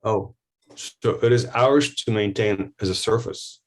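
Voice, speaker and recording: Low-ish voiced commissioner guy, tripping over his questions. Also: unhurried. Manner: stumbling, lots of uh. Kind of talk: questions at a public meeting.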